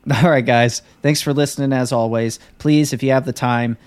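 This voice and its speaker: A man's voice: mid-range voice, fairly even intonation, normal speed, clear, resonant tone. Rambling man co-hosting a podcast. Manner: rambling, full of fillers and restarts. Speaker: podcast co-host. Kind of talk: casual chat.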